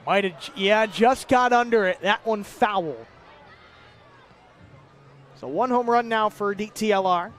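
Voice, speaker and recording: A man with a very high voice gives play-by-play for a charity softball game. His calls of long drives are lively, and he fills the gaps with chatty asides. A light hiss sits under the voice. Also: measured pace, pauses often. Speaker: play-by-play announcer. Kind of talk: live sports commentary.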